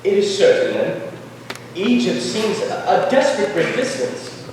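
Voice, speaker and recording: A man playing a brooding, tormented young uncle in formal, halting theatrical stage acting. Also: high voice, sing-song, noisy background. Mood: restrained. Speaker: actor in a stage musical. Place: school theatre stage, audience recording. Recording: echoey hall from far off.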